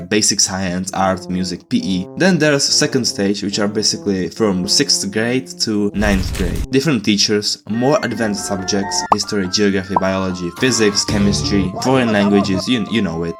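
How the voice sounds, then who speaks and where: A man's voice: on the low side, normal speed, hardly any pauses, over music. A young man from Czechia, telling his life story in a casual, playful voice-over with sarcastic asides.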